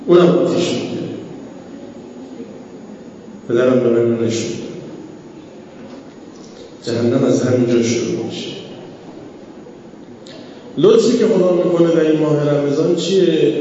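A man delivers an impassioned sermon, firing off rhetorical questions and leaping upward in pitch to hammer his points. His voice is fairly high for a man yet dark and mellow in tone. It comes from far off in a big hall, with long, heavy reverb and a dull, muffled sound. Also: fairly even intonation, long pauses, slight background noise. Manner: fervent, rhetorical questions, sudden rises in pitch for emphasis. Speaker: preacher. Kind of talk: impassioned religious sermon with storytelling.

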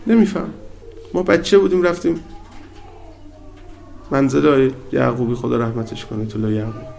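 A man's voice: medium pitch, animated, vocal fry, darkish tone, slight background noise. A man, a cleric giving an informal ethics lesson, telling anecdotes in a colloquial way and putting rhetorical questions to his listeners. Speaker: cleric teaching an ethics class.

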